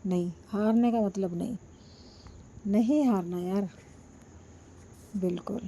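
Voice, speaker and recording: A woman vlogger with a sore throat, talking slowly and softly to her viewers and pleading for their support, recorded without a microphone. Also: mid-range voice, a little hiss or hum. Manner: slow, soft-spoken, pleading. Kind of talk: casual chat to viewers. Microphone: no microphone, built-in device mic.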